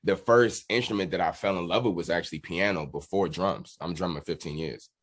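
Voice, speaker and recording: This drummer, a guest musician from around Washington DC, talks briskly in a low voice. It's a relaxed interview where the American trades frank, slang-filled stories.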